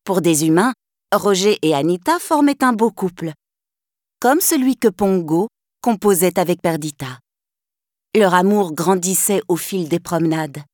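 A woman narrating a children's storybook in a clear, gently expressive reading. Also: lowish voice, unhurried, no echo, studio quality.

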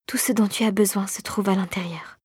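A woman's voice: medium pitch, steady tone, brisk, darkish tone, breathy edge, dry recording, studio quality, lightly acted. A woman voicing a determined young girl explorer who often whispers to herself in a storybook reading. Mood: whispering.

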